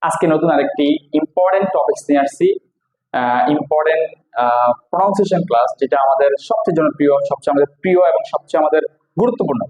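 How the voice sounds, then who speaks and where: A man from Bangladesh giving a spoken pronunciation lesson, repeating words slowly and quizzing his viewers. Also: a little high, a little mellow. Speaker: English teacher. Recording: roomy, dull lo-fi sound.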